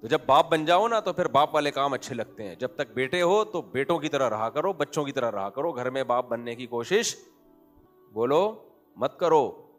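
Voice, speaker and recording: A man's voice: mid-range voice, animated, faint music behind. A man giving a humorous, conversational sermon as a preacher, telling family anecdotes in a joking tone. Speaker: Islamic preacher.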